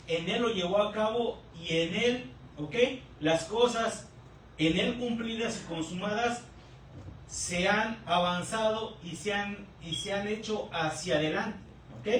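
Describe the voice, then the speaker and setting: A male pastor preaching a teaching sermon, who keeps checking in with the congregation and repeats key words slowly. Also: high voice. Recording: echoey room, distant mic, faint noise.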